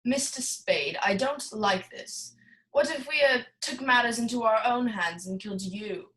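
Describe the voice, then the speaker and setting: A woman's voice: on the high side, expressive, a little slow, a bit bright, poor audio. A woman playing a genteel, scheming male crime boss with pompous, formal, theatrical speech in a noir radio play. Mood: suave, menacing.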